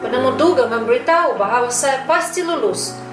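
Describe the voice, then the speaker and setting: In a high, expressive voice that moves a little fast, a middle-aged woman from Moscow shares a prepared testimonial. She is a native Russian speaker with a Russian accent, talking as a foreigner in fluent Indonesian-Malay. The sound is roomy from a distant mic, with music underneath.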